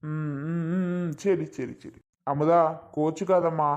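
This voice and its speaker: A woman's voice: sits low, steady tone, slow, darkish tone. A woman voicing a doting elder brother. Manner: affectionate, coaxing baby talk. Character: caring adult man, a doting elder brother. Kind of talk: cartoon voice acting.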